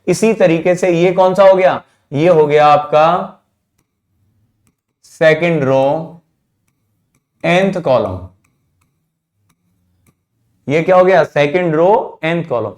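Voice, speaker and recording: A man's voice: a little high, drawn-out words, pauses often, darkish tone. A man teaching a math class, who keeps asking the students questions and then answers them himself, repeating the key terms. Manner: calls students "children", drops his voice at answers. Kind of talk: classroom lecture.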